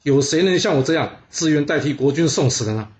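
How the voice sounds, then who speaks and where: A man voicing a quick-witted loyal male general in a spoken history story, with commanding, indignant lines. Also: a little high, expressive, a little mellow, echoey room, close to an everyday voice. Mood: defiant.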